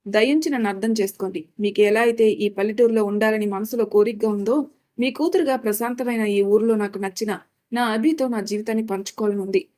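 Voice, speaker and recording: A woman's voice: mid-range voice, fairly even intonation, brisk, dark tone, lightly acted. A determined young woman who pleads with her parents but will not back down, as a woman narrator voices her. A storybook heroine, earnest and stubborn. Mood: pleading. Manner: pleading yet firm.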